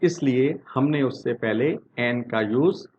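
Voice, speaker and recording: A man teaching English grammar in Hindi. He asks his class questions and answers them himself, and reads the example sentences slowly. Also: medium pitch, a little mellow, muffled recording, a little hiss or hum. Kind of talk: Hindi-language grammar lesson.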